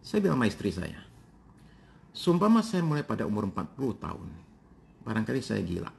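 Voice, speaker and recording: A man in his fifties, a pastor preaching a sermon, speaking directly to his congregation with frequent pauses and fillers, answering his own questions. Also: on the low side, huge pitch swings, creaky, a little mellow. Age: 50s. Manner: addresses congregation directly, asks and answers himself.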